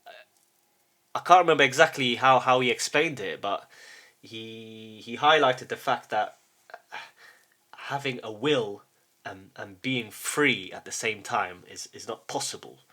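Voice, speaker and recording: Speaking at a medium pitch, a man hosting his own channel thinks aloud in a reflective monologue. He halts often, restarts frequently, and checks in with the listener using a soft "yes?"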